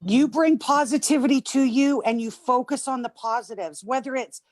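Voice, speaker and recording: A woman's voice: high-pitched, moderate pace, a little mellow, no room sound. A woman giving an emphatic, gushing testimonial on a video call, at times choked up. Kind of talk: emotional testimonial.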